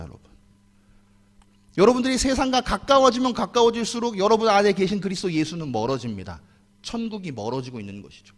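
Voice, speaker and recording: A man, the pastor, preaching a sermon in a church and addressing the congregation directly. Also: high-pitched. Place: church sanctuary. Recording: long hall reverb.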